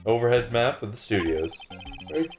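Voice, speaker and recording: A man's voice: medium pitch, sing-song, normal speed, soft background music. A man streaming a game, casually reading on-screen text and making wry remarks. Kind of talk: casual let's-play banter. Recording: roomy echoey stream audio.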